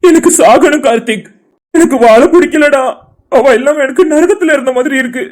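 Brief: grief-stricken young man in a cartoon drama, rapid and broken, begging to be left alone, a dubber voicing him. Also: sits high, a little mellow, soft background music, lightly acted. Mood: despairing. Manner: pleading, tearful and broken. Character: grieving young man, desperate and suicidal.

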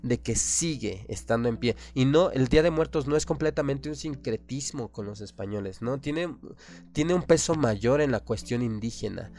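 A man's voice: mid-range voice, expressive, normal speed, darkish tone. A man with a Mexican accent hosting a radio show, delivering an impassioned, opinionated monologue full of rhetorical questions.

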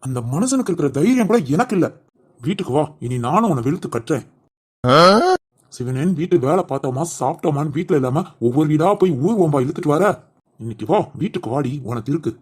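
Woman voicing a gruff short-tempered village husband. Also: sits low, animated. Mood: threatening. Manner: scolding, quick and sharp. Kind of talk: cartoon voice acting.

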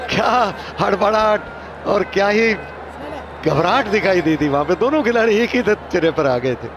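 Male TV cricket commentator, high voice, formal and flowery, live over heavy crowd noise. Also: moderate pace, lo-fi sound. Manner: formal, flowery praise, excited calls. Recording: broadcast commentary over loud stadium crowd.

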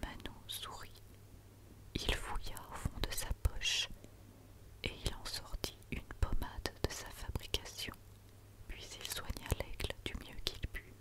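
A woman reads a story aloud in a quiet, soothing night-time whisper, as in ASMR, close to the microphone. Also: measured pace. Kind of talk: whispered ASMR reading of a children's tale.

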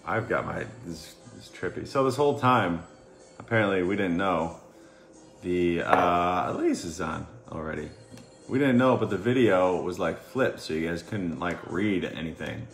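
Low-voiced man mumbling in an echoey room. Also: expressive, normal speed, creaky, faint music behind. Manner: joking, mumbles softly. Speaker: co-host. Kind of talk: casual livestream chat. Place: home livestream.

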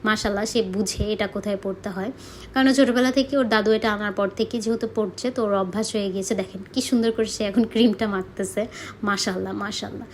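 A woman's voice: mid-range voice, steady tone, fast talker, slight background noise. A young woman from Bangladesh narrating her vlog in a chatty, casual way, often dropping English words into her speech. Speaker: vlogger.

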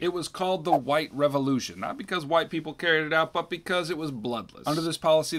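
A man's voice: medium pitch, a bit bright. Man, history teacher, jokey, emphatic, conversational video lesson.

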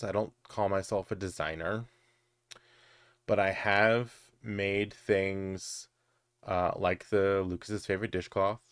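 Low-voiced man chatting about crafts. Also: a bit bright, clear, resonant tone, no echo, clean studio sound. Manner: chatty, hesitant, many restarts and ums. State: has the hiccups. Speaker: crochet and knitting channel host. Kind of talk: casual Q&A chat.

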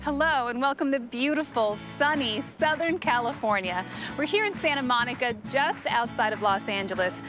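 A woman's voice: on the high side, expressive, normal speed. A woman in her thirties presenting from a script as a television host outdoors. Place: outdoor showcase event. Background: music.

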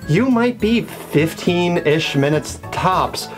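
Male vlog host, slightly high voice, speaking through a fursuit head, earnest and emphatic, music underneath. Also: lively intonation, takes it slowly. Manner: earnest, emphatic safety advice. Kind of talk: instructional vlog.

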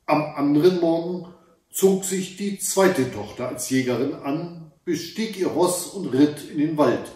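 Slow-reading male fairy-tale storyteller. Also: fairly high pitch, darkish tone. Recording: echoey room, far from the mic.

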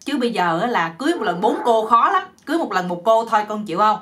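A woman's voice: mid-range voice, expressive, fast, fairly bright tone, slight background noise, close to an everyday voice. A woman doing a fretful rich old village father. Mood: worried. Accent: Southern Vietnamese. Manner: fretful, earnest.

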